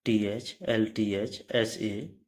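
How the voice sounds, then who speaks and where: A man speaks very slowly in a lowish, steady voice while teaching English pronunciation. It is a slow explanatory lesson: he spells each word letter by letter, pronounces it, and sometimes corrects himself partway through.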